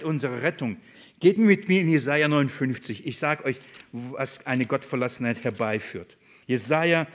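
German preacher, loud then hushed. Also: male voice, mid-range voice. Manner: swings between loud and hushed delivery; asks the congregation questions and answers them. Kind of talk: sermon.

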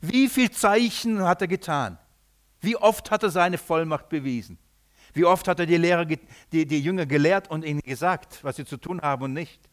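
A man's voice: fairly high pitch, moderate pace. A man preaching a sermon, emphatic and full of rhetorical questions.

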